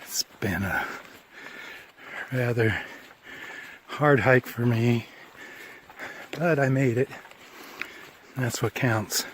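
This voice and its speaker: A worn-out man talks to his handheld camera outdoors on a mountain trail, rambling and correcting himself as he goes. His voice sits at an ordinary middle pitch. Faint outdoor noise runs underneath. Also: drawn-out words, long pauses, fairly bright tone. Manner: rambling, self-correcting, plain-spoken. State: tired after a long hike. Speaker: hiker filming a trail vlog. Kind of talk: casual spoken trail diary.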